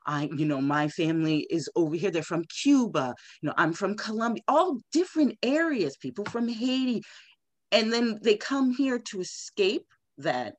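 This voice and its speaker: A woman's voice: deep voice, no room sound. A woman political candidate speaking emphatically in an interview. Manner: animated, emphatic, quick bursts. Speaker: congressional candidate, guest. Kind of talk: conversational interview.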